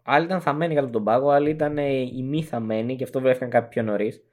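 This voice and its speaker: A man's voice: medium pitch, fairly even intonation, darkish tone. A young man co-hosting a podcast, casually talking through arguments point by point. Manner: analytical, lists arguments point by point. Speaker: podcast co-host.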